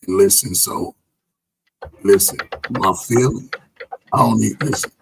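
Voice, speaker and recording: A man hosting a casual show with a hoarse, strained, nearly gone voice, sounding tired and drained. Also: on the low side, measured pace, noisy background. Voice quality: raspy, strained. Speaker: show host and basketball coach. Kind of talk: casual group show talk.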